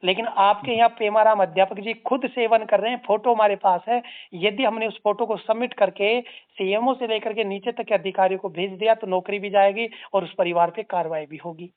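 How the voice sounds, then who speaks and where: On a phone line, an activist with an anti-drug social organisation scolds in a formal, stern and articulate manner. Their mid-range voice stays steady in tone, brisk and with few pauses, and the call sounds tinny and narrowband.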